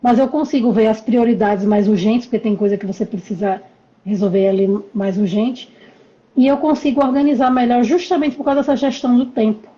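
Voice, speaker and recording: A woman consultant explaining calmly during a live stream conversation, heard over a remote call. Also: a little high, brisk, lo-fi sound. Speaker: condominium management consultant, guest.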